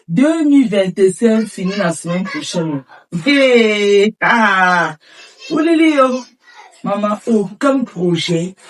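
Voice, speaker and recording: Woman playing an exasperated, husky-voiced lamenter. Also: medium pitch, recorded from a distance. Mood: lamenting. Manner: emotional, exclamatory, repetitive lamenting. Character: exasperated woman lamenting her failed year. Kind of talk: comic-dramatic film acting.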